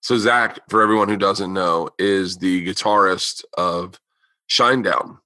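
In a dry recording with no echo, a man with a low, pushed, bright voice talks unhurriedly on his podcast. He's a comedian, and in this casual conversation he spins loose, profane stories, imitating the voices of the people involved, though his voice is giving out.

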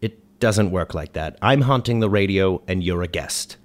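Man as a ghost radio host, deadpan, wry, low voice. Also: normal speed, natural voice. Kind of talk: comedy radio sketch.

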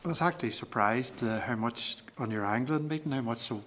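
Male committee member, Northern Irish, mid pitch, conversational remarks, noisy meeting audio. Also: brisk, a bit bright.

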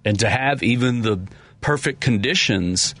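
A man's voice: mid-range voice, lively intonation, unhurried, fairly bright tone, no echo. A man hosting a talk radio show, talking casually in an easygoing way.

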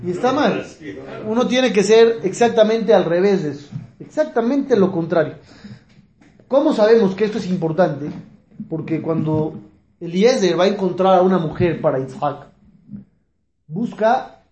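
Rabbi teaching a class, high voice, asks the room questions, acts out little scenes, kinda echoey. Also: male voice, unhurried, long pauses, muffled recording. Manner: lively, asks the audience questions, acts out quoted people with humor. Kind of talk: Torah class lecture.

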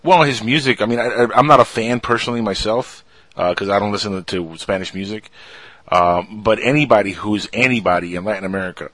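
A man's voice: fairly low pitch, fast, a bit bright, no room sound. A man co-hosting a casual talk show, telling things earnestly with many fillers. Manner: earnest, filler-heavy storytelling. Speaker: co-host. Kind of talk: casual podcast chat.

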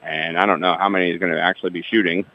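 Calling a basketball game play by play, a man in a deep voice with little pitch movement rapidly names every pass. He adds dry remarks about the officiating, and the audio sounds dull.

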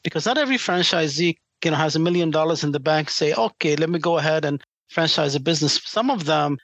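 In a conversational interview, a man who speaks Arabic as his first language answers questions as a franchise sales executive, frequently stopping to find the right words. He has a fairly high, expressive voice with a fairly bright tone. The audio carries no echo.

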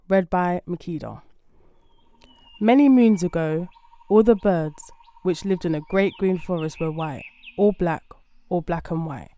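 A woman reading a folk tale aloud in a gentle, even storybook manner. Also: fairly low pitch.

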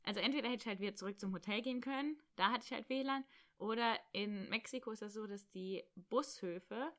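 A young woman casually telling a story about her travels, animated and acting out bits of dialogue. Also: mid-range voice, fairly quick. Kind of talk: casual chat.

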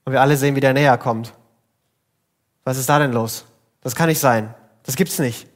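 A man's voice: medium pitch, fairly even intonation, moderate pace, pitched below the performer's own voice, lightly acted. A man voicing a frightened adult fisherman disciple who cannot believe what he sees. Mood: disbelieving. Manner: disbelieving, rising into a scream.

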